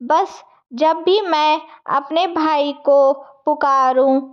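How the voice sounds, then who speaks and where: Woman narrator giving voice to a humble young bride, storybook tale, high, very slow. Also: highs cut off. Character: gentle, devout young daughter-in-law.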